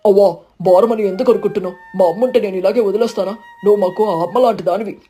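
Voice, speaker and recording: Brief: woman voicing a kind young farmer husband, quick and firm, mellow tone, storybook. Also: medium pitch, steady tone, slightly rough, soft background music, close to an everyday voice. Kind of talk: storybook narration.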